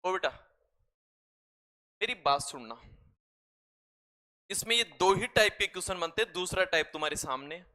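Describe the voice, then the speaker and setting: A man's voice: high voice, lively intonation, normal speed, pauses often, bright, forceful tone. A male math teacher from Rajasthan, lecturing a class in a chatty way, calling students "beta" and telling jokes and asides. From Rajasthan, India.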